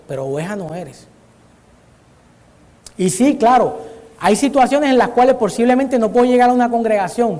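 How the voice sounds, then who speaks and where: Earnest preacher guy teaching scripture, warm dark voice, long echo from the church hall. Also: sits high. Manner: earnest, addresses listeners as brother. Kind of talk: Bible study sermon.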